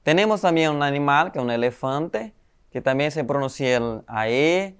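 A man's voice: a little high, animated, clean tone. A man with a Brazilian Portuguese accent teaching a Spanish class to schoolchildren, explaining patiently and tagging sentences with "né?" and "tá?". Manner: explanatory, frequent "né?" and "tá?" tags; calls students "galerinha", spells letters slowly. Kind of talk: recorded online class for schoolchildren.

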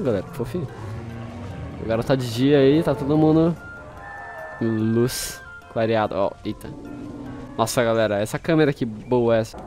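A young Brazilian man giving casual gameplay commentary, playful, laughing often and breaking into shrill panicked yelps. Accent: Brazilian Portuguese. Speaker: gaming YouTuber.

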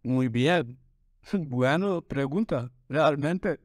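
A man from Turkey with a Turkish accent, answering viewers' questions in halting learner's Spanish, repeating hard words. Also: a little high, dry recording, studio quality. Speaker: vlogger. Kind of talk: Q&A vlog, reading fan questions.

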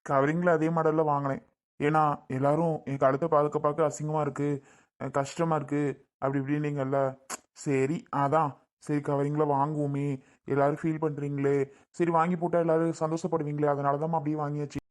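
A woman's voice: sits low, level tone, fairly quick, a little mellow, natural voice. A woman playing a patient relative who coaxes and apologizes, a bit exasperated, in a family skit. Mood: soothing. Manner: coaxing, exasperated.

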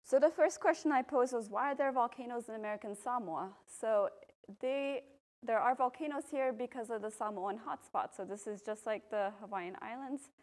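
A volcanologist from Belgium giving a public talk, a woman explaining at a podium microphone in a university lecture room, relaxed, with frequent ums. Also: a little high, moderate pace. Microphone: podium microphone, filmed from a far camera.

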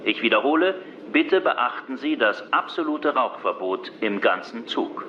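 A man's voice: mid-range voice, big pitch swings, unhurried. A man acting a formal, courteous train announcer, reading scripted messages to passengers. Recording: dull, noisy train PA sound.

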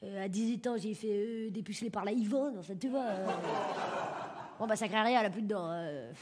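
A woman's voice: medium pitch, brisk, background noise, natural voice. A woman comedian playing a crude, boastful working-class mother who rambles with lots of fillers and swearing. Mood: brash. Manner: vulgar, rambling, full of fillers. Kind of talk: stand-up character monologue.

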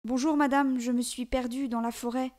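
A woman voicing a brave, kind young girl in a storybook reading, high and earnest. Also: little pitch movement, normal speed, a little mellow, lightly acted. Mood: polite.

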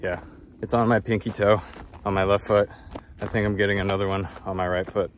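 A man in his thirties, a travel vlogger, chats casually and reflectively into a phone held at arm's length as he walks a countryside footpath. His voice is lowish and a little fast, with a flat delivery and a slight hiss or hum in the background.

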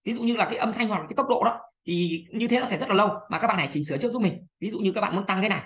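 Fast-talking woman giving a screen tutorial. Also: mid-range voice, fairly bright tone. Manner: chatty, fillers, many "đây này" pointers. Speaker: video editing tutor. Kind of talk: screen-recorded software tutorial.

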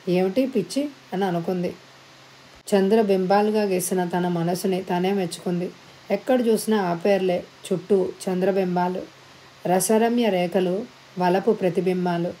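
A woman narrating an audiobook story with measured, dramatic phrasing. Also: mid-range voice, mellow, slight background noise, rough recording.

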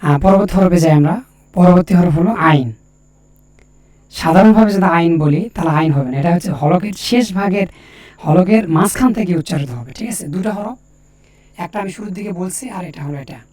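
A man teaching Quran letter pronunciation, saying each sound again and again slowly and telling learners to copy him. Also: high voice, darkish tone. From Bangladesh. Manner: repeats each letter sound several times, slow and deliberate; talks directly to learners, plain and encouraging. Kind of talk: recorded lesson on Arabic letter pronunciation.

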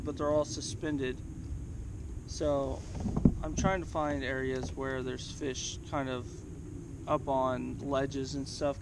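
Male, thirties, relaxed fishing vlogger on an action cam outdoors, clear background noise. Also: fairly high pitch. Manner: relaxed, thinking aloud with fillers. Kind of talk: casual fishing vlog narration. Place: outdoors on a kayak on a river. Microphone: action camera mounted on the kayak.

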